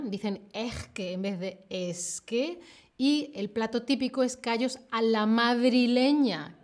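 A woman from the south of Spain with a southern Spanish accent, teaching a live online Spanish lesson, speaking clearly and repeating her clues. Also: a little high. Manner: slow, clear, repeats clues, laughs often.

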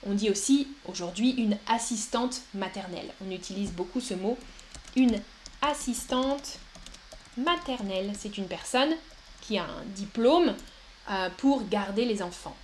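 A young woman teaching a live-stream language lesson, speaking slowly and clearly and repeating words for her viewers. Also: medium pitch, a little hiss or hum. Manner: slow and clear, repeats words, puts on a babyish voice for examples. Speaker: French teacher.

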